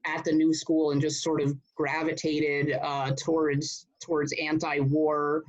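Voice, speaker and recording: A man in his thirties from Connecticut speaks casually as an interview guest, often restarting and repeating words. His fairly high voice is completely flat and a little slow, and the recording sounds dull and muffled.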